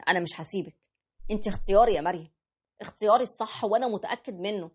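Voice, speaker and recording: A woman's voice: medium pitch, rapid-fire, a little mellow, breathy edge, natural voice. A woman narrating as a devoted young husband. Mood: earnest. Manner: plain conversational retelling. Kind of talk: storytelling narration.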